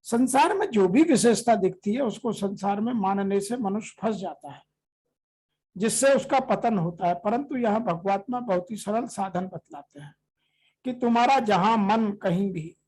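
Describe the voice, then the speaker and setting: A scripture teacher, reading verses slowly and then explaining them in a steady, measured commentary. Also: medium pitch, husky, low-quality recording.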